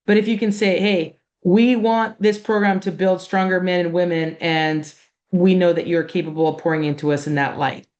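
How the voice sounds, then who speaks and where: A woman's voice: lowish voice, a little mellow, muffled recording. A middle-aged woman coach giving a casual, conversational motivational talk to student-athletes, acting out quoted exchanges. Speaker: coach and mental performance speaker.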